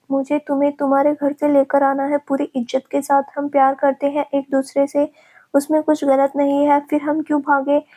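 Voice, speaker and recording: A woman voicing a calm, protective young man who gently reassures his frightened partner. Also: high voice, lightly acted.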